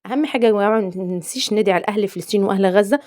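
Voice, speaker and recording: A woman's voice: mid-range voice, very fast, a little mellow. A young Egyptian woman with an Egyptian accent narrating her cooking vlog, playful and teasing, repeating words for emphasis. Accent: Egyptian Arabic. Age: young adult. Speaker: cooking vlogger. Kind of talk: chatty home cooking vlog voice-over.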